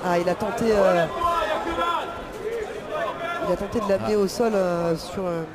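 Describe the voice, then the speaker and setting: A man's voice: high-pitched, fairly even intonation, a little slow. A man giving live MMA commentary on the fighters and the action. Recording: loud music and crowd behind. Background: music and crowd.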